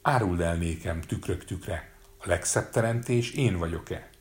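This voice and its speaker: A man's voice: deep voice, close to an everyday voice. A man voicing a wicked, vain queen who shrieks in rage in a storybook reading. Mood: vain, furious.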